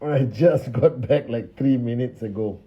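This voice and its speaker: A man's voice: medium pitch, highs cut off. A man hosting a casual live stream, cheerfully greeting viewers by name one after another. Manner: upbeat, reels off viewer names with quick greetings. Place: indoors, just back from a dinner.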